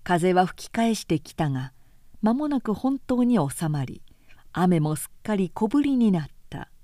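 A woman narrating a classic novel in a slow, measured audiobook reading, close to a studio mic. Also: lowish voice, sing-song, mellow, no room sound.

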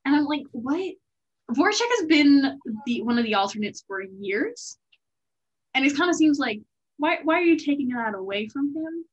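A woman's voice: high-pitched, sing-song, normal speed, highs cut off. A young woman in a casual hockey chat, opinionated and explaining at length.

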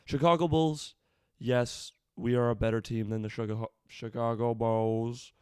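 A man's voice: mid-range voice, moderate pace, darkish tone, clear, resonant tone, no echo, clean studio sound. Casual man with a slightly weathered voice. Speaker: sports fan commentator. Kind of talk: casual solo sports commentary.

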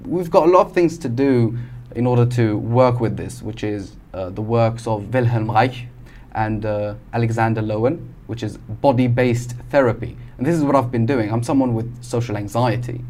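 A man's voice: mid-range voice, normal speed, darkish tone, a little hiss or hum. Male podcast guest from Algeria, explanatory, casual, frequent restarts. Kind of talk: casual conversation.

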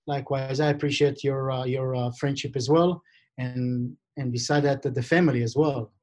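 A middle-aged man with an Israeli accent, a guest on a podcast, talking in a casual, halting way with many fillers. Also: mid-range voice, fairly even intonation, darkish tone. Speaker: guest, diamond equipment vendor.

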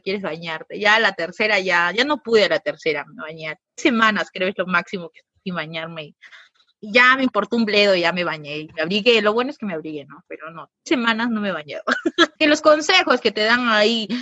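A woman, a podcast guest telling stories in casual chat, animated and laughing often. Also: medium pitch, no room sound. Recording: dry, dull lo-fi recording.

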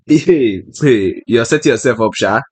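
A man's voice: mid-range voice, lively intonation, slow pace, a little mellow, husky. A young adult man with a Nigerian accent chatting casually as a podcast panelist, playful and slangy. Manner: playful, slangy, acts out examples. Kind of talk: casual chat.

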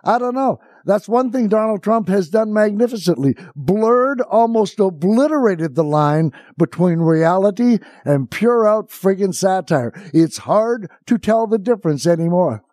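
Male radio host, high voice, exasperated comedic rant, rambling political monologue, very dry close sound. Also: lively intonation, a little slow, few pauses, darkish tone, no echo. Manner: conversational, rambling with rhetorical questions and asides. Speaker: radio talk show host.

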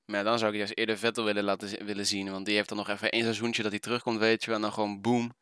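A man's voice: fairly low pitch, level tone, rapid-fire, a bit bright, clear, resonant tone, dry recording, studio quality. A man chatting on a podcast, agreeable and often laughing along. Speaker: podcast co-host. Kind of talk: casual chat.

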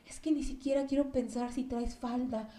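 A young Mexican woman chatting casually in an echoey room. Her voice sits slightly high, and she tells stories with quick, slangy, teasing asides. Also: steady tone, mellow, recorded from a distance. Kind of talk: casual chat.

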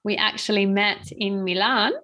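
A woman's voice: medium pitch, steady tone, moderate pace, bright, forceful tone. A woman co-hosting a podcast, chatting casually and asking questions in a friendly way, laughing often. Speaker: podcast co-host. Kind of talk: casual interview chat.

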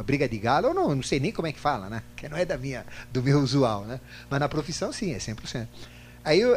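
Animated older man lecturing a class. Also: medium pitch. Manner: animated, asks rhetorical questions and tags "né?"; acts out both sides of a past argument. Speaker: spiritual teacher. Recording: faint hum, digitized from CD.

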